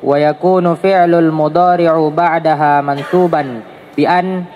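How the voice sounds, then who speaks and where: A male student with an Indonesian accent reads textbook lines aloud with care, in a high voice. His reading echoes with a long reverb, like in a hall. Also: fairly even intonation, slow, muffled recording.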